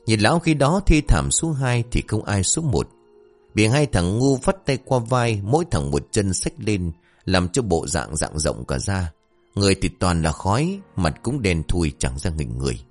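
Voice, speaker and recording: A man tells a comic folk tale with animated, expressive delivery. His voice sits low but swings widely in pitch as he narrates. Faint music plays behind him. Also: moderate pace. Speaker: storyteller.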